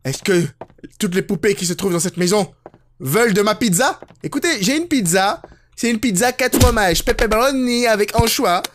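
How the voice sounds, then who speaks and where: A gaming YouTuber giving expressive, jokey let's play commentary on a horror game, prone to exclaiming and swearing. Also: medium pitch, normal speed, slight background noise. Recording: game music behind the voice. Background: horror game music.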